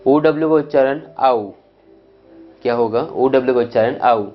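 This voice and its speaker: A man teaching English pronunciation, reading out word lists one by one and often checking "clear?" with his students. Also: mid-range voice, moderate pace, highs cut off, soft background music. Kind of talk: pronunciation lesson.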